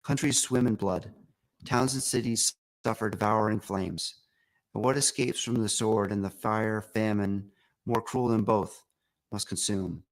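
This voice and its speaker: A man with a fairly low voice reads an old essay aloud. His delivery is formal and declamatory, with rhetorical weight. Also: fairly even intonation, measured pace. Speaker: reader.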